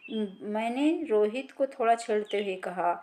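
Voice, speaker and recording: A woman narrating a family story in a calm, steady read-aloud manner. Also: mid-range voice, unhurried.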